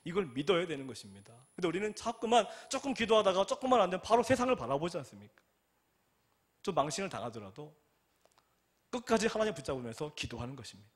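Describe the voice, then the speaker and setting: A young man preaching a sermon, telling an animated story with rhetorical questions, swinging between hushed asides and loud emphatic peaks. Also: on the high side, fast talker.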